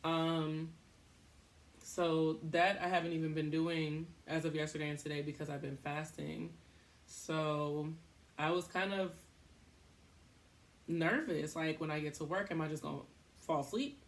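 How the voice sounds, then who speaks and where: A young woman hosting a podcast, talking in a casual, rambling way, thinking out loud and laughing at herself. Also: low voice, steady tone, a little slow, pauses often. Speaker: podcast host.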